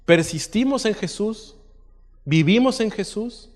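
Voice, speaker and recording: A man's voice: sits high, animated, takes it slowly, darkish tone. A man preaching a sermon, reading scripture aloud with swelling emphasis and putting questions to the congregation. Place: church hall. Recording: reverberant church hall.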